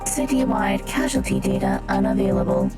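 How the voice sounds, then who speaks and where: Clangy robot voice, calm dutiful robot officer, very deep, widely swinging pitch, formal mechanical delivery. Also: female voice, normal speed, exaggerated voice. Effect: clangy robot voice changer. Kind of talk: reading game dialogue aloud. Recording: loud game music behind.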